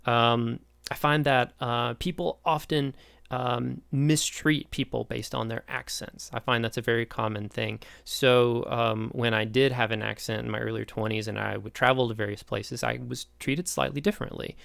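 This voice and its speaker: A man in his thirties from East Tennessee in Appalachia gives a recorded online sociology lecture, chatty and enthusiastic, constantly posing questions to the listener. He has a Midwestern American accent and a medium-pitched, steady, creaky voice that's a bit bright, at normal speed. The tone is clean, with no echo.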